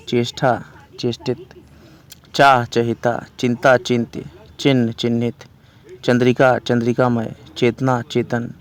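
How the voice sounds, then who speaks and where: Male grammar tutor, unhurried and methodical, reads word lists one pair after another at a mid pitch. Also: smooth. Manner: slow, steady listing of word pairs. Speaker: Hindi grammar teacher. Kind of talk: reciting word lists in a lecture.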